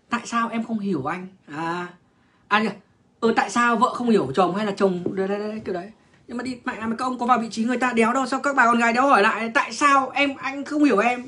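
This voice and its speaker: A man's voice: very high-pitched, a bit bright. A man, ranting bluntly and crudely to viewers on a livestream. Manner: crude, profane, blunt, lecturing.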